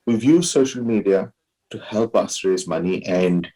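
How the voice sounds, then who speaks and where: A man with an educated, posh Indian English accent giving measured, deliberate explanations as an interview guest. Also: sits low, warm tone, low-quality recording. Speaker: interview guest, alumni society president.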